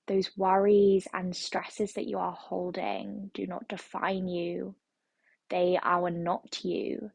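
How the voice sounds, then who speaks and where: A woman leading a yoga class through a slow, soothing guided meditation. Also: on the low side, vocal fry, breathy edge, no echo. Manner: slow, soothing, repetitive phrasing. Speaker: yoga teacher.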